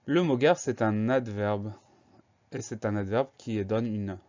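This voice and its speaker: A man with a fairly low voice gives a spelling lesson for young pupils, breaking each word into syllables and spelling every letter with patience. The recording is somewhat muffled and lo-fi. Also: measured pace, a little mellow. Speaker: teacher.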